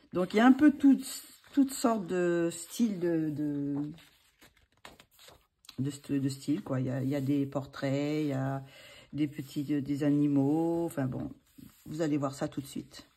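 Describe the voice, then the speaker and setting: A woman's voice: sits low, measured pace, mellow, slightly rough. A woman hosting her own channel, chatting casually and hesitantly with many fillers and restarts as she shows books. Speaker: channel host showing books for a giveaway. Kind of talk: casual chat.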